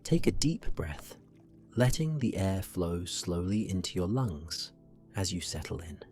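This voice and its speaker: Slow, low-voiced male sleep story narrator. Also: very animated, faint music behind. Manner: slow, gentle, soothing, often falling near a whisper.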